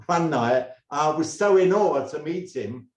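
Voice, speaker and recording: An older man from England, a former drummer, telling stories in a halting, rambling way with many restarts. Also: on the high side, animated, highs cut off. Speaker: guest, former band drummer. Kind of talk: casual interview storytelling. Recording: roomy echo.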